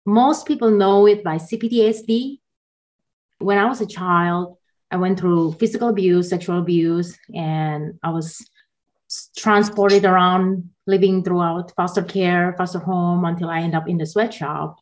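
A woman in her forties from Indonesia, a podcast guest telling her life story in a soft, halting way with small laughs. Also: lowish voice, fairly even intonation. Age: 40s. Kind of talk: personal story in a podcast interview.

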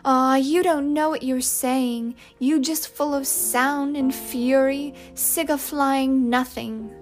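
Storybook child: a woman doing a proud, stubborn little girl, high and loud, a touch slow. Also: steady tone, faint music behind. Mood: insistent. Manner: indignant, then passionate and shouting. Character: Francie, a lonely, proud, stubborn young girl.

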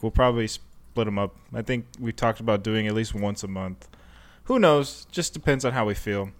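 Easygoing young podcast host, smooth voice. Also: male voice, mid-range voice. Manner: easygoing, full of fillers and restarts when telling stories. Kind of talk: casual chat.

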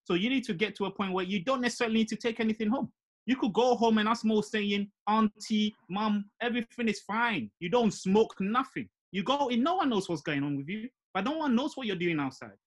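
A man's voice: sits high, a little fast. A man explaining his view earnestly in a casual panel discussion, often with rhetorical questions.

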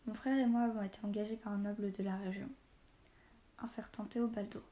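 A woman's voice: mid-range voice, flat delivery, a little fast, mellow, reverberant, lightly acted. A woman reading as a commanding young archer girl. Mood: guarded. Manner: assured, commanding. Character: confident young female archer, sharp and commanding.

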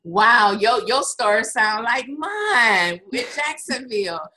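A woman's voice: fairly high pitch, lively intonation, slow, sharp tone, rough recording. A woman hosting an online interview, talking enthusiastically and with emphasis. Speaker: host.

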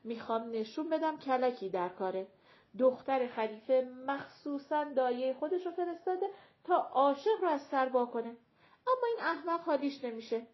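A woman voicing a quarrelsome, mocking male clown of folk comic theater in an audiobook, talking loud and sing-song. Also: high-pitched, expressive, highs cut off, voice pushed up. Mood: scheming.

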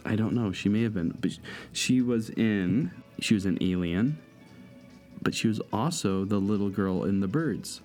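A man's voice: lowish voice, normal speed, a little mellow, soft background music. A man co-hosting a podcast, chatting casually and enthusiastically about movies, rambling and teasing. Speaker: podcast co-host.

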